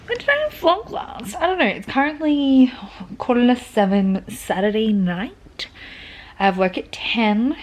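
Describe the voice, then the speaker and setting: A woman's voice: measured pace, slight background noise, rough recording. Chatty woman vlogging from bed. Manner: chatty and rambling, with frequent "um"s and sudden lively pitch jumps. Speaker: book vlogger. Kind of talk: casual reading update vlog. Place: at home, in bed.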